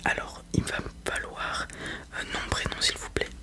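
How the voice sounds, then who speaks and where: Whispered role-play: librarian, fully whispered and breathy, polite customer-service patter. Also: normal speed. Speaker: ASMR performer playing a librarian.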